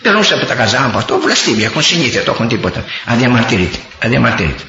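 An older man from Greece, a priest and former army chaplain, preaching with impassioned storytelling that rises to near-shouts. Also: mid-range voice, very animated. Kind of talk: storytelling sermon. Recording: echoey, dull lo-fi room recording.

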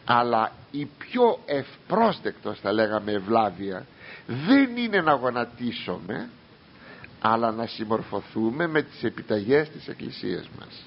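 A man's voice: mid-range voice, very animated, vocal fry, a little hiss or hum. A man preaching a sermon as a priest, reading scripture and arguing with imagined objectors in a rhetorical, questioning manner. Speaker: priest teaching a congregation. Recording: dull lo-fi recording.

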